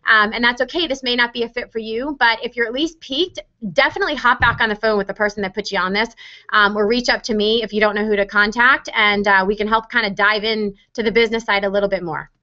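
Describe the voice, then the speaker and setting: Bright, upbeat woman presenting online. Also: fairly high pitch, fast talker. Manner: upbeat, chatty, with frequent fillers. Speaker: webinar presenter. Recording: dull lo-fi webinar audio.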